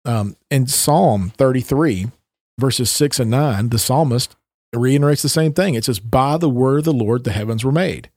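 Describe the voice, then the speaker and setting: A man's voice: medium pitch, moderate pace, a little mellow, no room sound, studio quality. Emphatic man explaining Bible verses. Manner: explanatory and emphatic, stresses key phrases of verses he reads. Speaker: co-host of a Bible discussion. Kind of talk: casual Bible study discussion.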